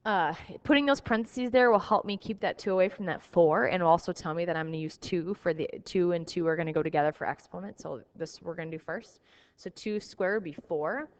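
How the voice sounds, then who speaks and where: Woman math teacher, slightly low voice, recorded lesson that sounds a little muffled. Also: slight background noise. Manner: talks through working out each step aloud.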